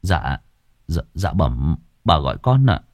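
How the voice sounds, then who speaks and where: A man's voice: extremely low pitch, big pitch swings, takes it slowly, a little mellow, no room sound, clean studio sound, voice pushed down, heavily acted. A man voicing a timid young farm servant who stammers meekly. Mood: frightened. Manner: meek, stammering.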